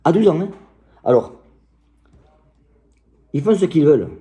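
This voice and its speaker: A man's voice: fairly high pitch, expressive, a little slow, mellow. A middle-aged man, a martial arts coach, ranting to camera in a combative, passionate and crude way. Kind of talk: direct-to-camera rant.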